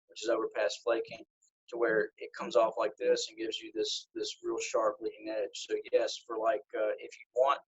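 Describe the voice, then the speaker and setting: Recorded on a phone in lo-fi quality, a male flintknapping instructor gives a step-by-step live demonstration over a video call. His voice sits in the mid-range with a breathy edge. He keeps it practical, using his hands to show each stage.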